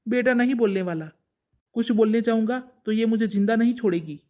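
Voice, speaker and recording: A woman's voice: on the high side, a little fast, mellow, close to an everyday voice. A woman voicing a harried son and husband in a cartoon, exasperated at being caught between his mother and wife. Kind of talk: cartoon voice acting.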